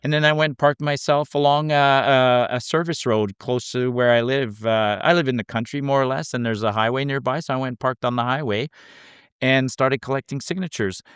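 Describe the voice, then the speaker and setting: Male guest storyteller, animated, many restarts, smooth clear voice, dry close sound. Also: medium pitch, fairly quick, dry recording. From Canada. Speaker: guest petition canvasser. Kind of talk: casual storytelling. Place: rural Alberta.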